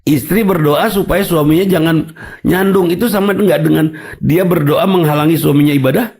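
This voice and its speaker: A man with a Sundanese accent gives a sermon as an Islamic preacher, telling humorous stories and weaving in local vocabulary. His fairly high voice is husky and darkish, and he speaks at a moderate pace.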